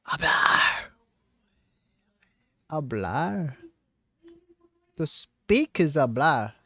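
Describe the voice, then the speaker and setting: A man's voice: fairly high pitch, lively intonation, slow, vocal fry, no room sound. Guy vlogging his spanish practice, unsure, pokes fun at himself, dry sound. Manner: hesitant, self-mocking, laughs at his slips. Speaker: language learner vlogger. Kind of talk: casual thinking aloud while studying.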